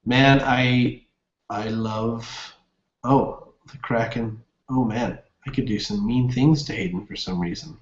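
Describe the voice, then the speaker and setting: A man's voice: medium pitch, slow. A young man hosting a casual gaming livestream, rambling upbeat with lots of fillers while reading viewer comments. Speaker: livestream host. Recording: roomy, dull lo-fi webcam audio.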